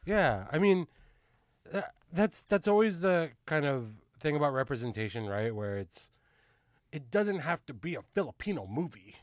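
A man's voice: fairly high pitch, very animated, normal speed. A man hosting a casual podcast, laid-back and slangy, swearing and asking "you know what I mean" a lot. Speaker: podcast host.

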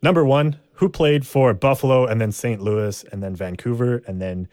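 A man's voice: mid-range voice, moderate pace, darkish tone, dry recording, studio quality. A man co-hosting a sports podcast, explaining things in casual, informal chat.

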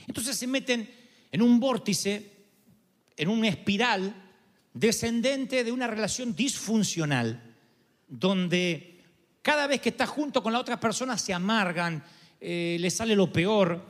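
A man's voice: sits high, animated, a little slow, long reverb tail. A pastor preaching a sermon, emphatic and dramatic, his voice swooping up and down as he drives each point home.

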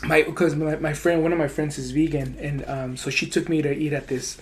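Podcast host, young man raised in Mexico, slightly high voice, loose slangy delivery. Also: level tone, fairly quick. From Mexico (Durango). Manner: casual, laid-back, heavy slang and swearing. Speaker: comedian and video creator, podcast host. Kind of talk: casual podcast chat.

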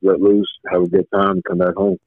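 A man calling in to a podcast over a muffled, bass-heavy phone line, talking in a calm, laid-back, reassuring way. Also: a little fast, husky, no room sound. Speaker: caller. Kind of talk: casual podcast chat.

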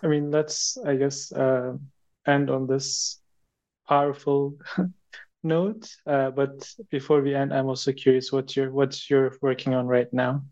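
A man hosting an interview, asking his questions in a slow, even way. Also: medium pitch. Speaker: podcast host. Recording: dull lo-fi recording.

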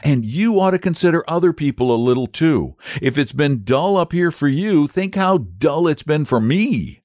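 A man's voice: expressive, normal speed, a little mellow, dry recording, studio quality, close to an everyday voice. A man doing an anxious, pleading young boy. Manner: pleading and high-pitched.

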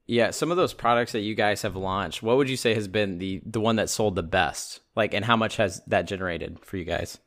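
Friendly upbeat guy hosting a podcast, lowish voice. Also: brisk, hardly any pauses, fairly bright tone, no room sound, studio quality. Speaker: podcast host. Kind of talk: podcast interview and outro.

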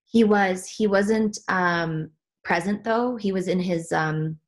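Slowly and at medium pitch, a Swiss spiritual teacher talks earnestly about her path during a reflective podcast conversation. She frequently restarts sentences in search of the right words.

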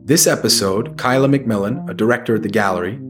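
Male host, lowish voice, smooth even scripted intro, guitar music clearly under him. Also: fairly quick. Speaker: podcast host.

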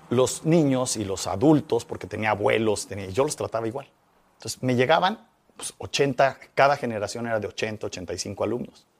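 A man, a magician guest in an interview, telling anecdotes with lively swings between excitement and quiet reflection. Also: on the low side. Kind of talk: animated storytelling in interview.

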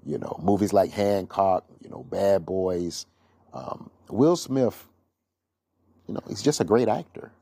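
A man's voice: sits low, animated, a little slow, warm tone, breathy edge, no room sound, studio quality. A man hosting his own gossip podcast, talking through celebrity news in an opinionated, rambling way with many fillers and restarts. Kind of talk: casual solo commentary.

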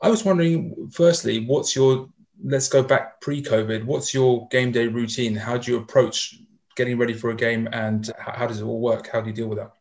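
A man's voice: medium pitch, fairly even intonation, normal speed, vocal fry, a little mellow. A man hosting a podcast, asking long winding questions full of fillers. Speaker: podcast host. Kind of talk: podcast interview.

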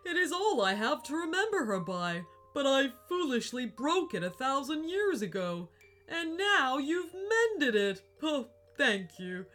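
A proud ghostly Viking warrior booms out slow, solemn lines, as a woman reading a storybook puts him on. The voice swings widely in pitch. Soft music plays underneath. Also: big pitch swings. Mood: tearful.

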